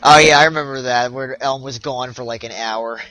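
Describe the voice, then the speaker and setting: A young man chatting casually while streaming a speedrun, halting and repeating himself as he talks. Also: medium pitch, fairly even intonation, bright, forceful tone. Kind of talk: casual live-stream chat. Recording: lo-fi stream audio.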